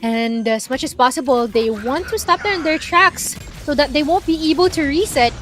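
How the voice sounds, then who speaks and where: High-voiced Filipino woman casting esports. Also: normal speed, a bit bright, faint music behind. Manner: esports caster delivery. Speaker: esports caster. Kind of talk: esports commentary mixing English and Tagalog.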